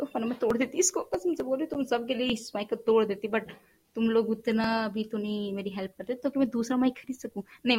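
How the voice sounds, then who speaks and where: Young woman rambling at her viewers, voice worn out and tired, teasing, mid pitch. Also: a little mellow. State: voice tiring, strained. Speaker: podcast host. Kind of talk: casual chat to viewers. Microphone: studio mic.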